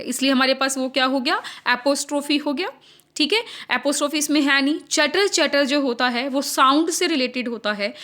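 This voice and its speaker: An Indian woman teaches literature terms for an exam, and her voice sits high. She keeps asking her class a question and then answering it herself. She slows right down when she reads the English lines aloud. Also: a bit bright. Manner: explains in mixed Hindi and English, asks and answers her own questions. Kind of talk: exam-prep literature lesson.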